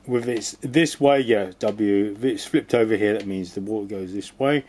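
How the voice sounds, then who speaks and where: A man's voice: lowish voice, moderate pace, darkish tone. A man giving a rambling, casual walkthrough of a boiler repair, often restarting his sentences and adding jokey asides. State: cold. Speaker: DIY video host.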